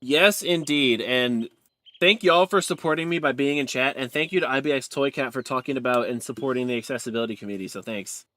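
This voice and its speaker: A man's voice: medium pitch, fairly quick, pushed and bright. A man streaming a game, chatting casually with viewers and reacting to a video. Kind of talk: casual live-stream chat.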